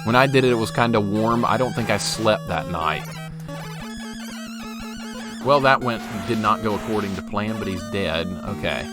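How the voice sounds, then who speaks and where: While streaming a retro game, this Alabama man in his 40s talks casually, rambling and cutting himself off as he chats. His voice is on the low side, at a normal speed with frequent pauses, and game music plays in the background.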